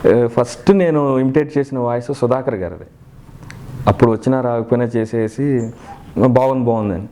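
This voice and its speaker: Earnest man telling his story. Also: moderate pace. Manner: earnest, animated, breaks into high shouted impressions. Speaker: mimicry artist guest. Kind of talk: casual interview storytelling.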